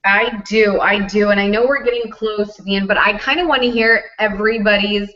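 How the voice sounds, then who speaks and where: A woman's voice: mid-range voice, fairly even intonation, a little fast, a bit bright. Chatty woman co-host on a lo-fi stream. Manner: chatty, many "like" fillers. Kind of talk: casual livestream chat. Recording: dull lo-fi livestream audio.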